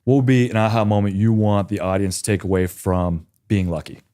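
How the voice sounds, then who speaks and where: A man's voice: on the low side, brisk, dark tone. A man co-hosting a podcast, telling stories with dry, wry humor. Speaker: podcast co-host. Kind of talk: casual podcast chat.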